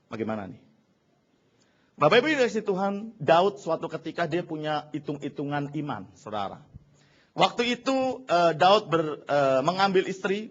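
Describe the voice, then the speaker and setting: Male pastor, high voice, storytelling sermon on a dull lo-fi church recording. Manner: animated storytelling, addresses the congregation often. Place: church hall.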